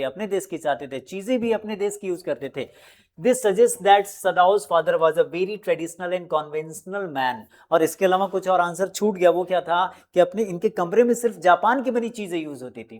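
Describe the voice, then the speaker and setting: A coaching teacher with an Indian English accent works through exam answers at a measured pitch. The English lines come out slow and deliberate, each one restated in Hindi. The teacher stops to correct small slips aloud. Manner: reads English lines slowly, then explains them in Hindi.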